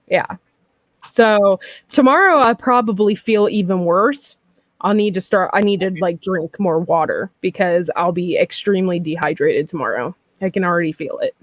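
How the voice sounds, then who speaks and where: A woman's voice: mid-range voice, no room sound. A woman in her thirties, hosting a casual chat, talking frankly and loosely with lots of fillers. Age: 30s. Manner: chatty and frank, with frequent laughs and fillers. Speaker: host.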